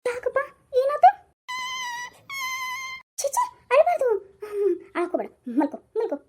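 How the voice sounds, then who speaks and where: A woman voicing an anxious, loving older mother who pleads in a high, quavering voice. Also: big pitch swings, normal speed, darkish tone, slight background noise. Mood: soothing. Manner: high-pitched, pleading and fretful.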